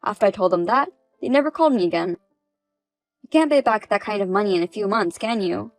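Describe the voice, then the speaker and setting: Synthetic female storyteller, firm and matter-of-fact, mid pitch, dry close sound. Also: brisk, no room sound, faint music behind. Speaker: narrator and mother. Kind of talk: text-message story reading.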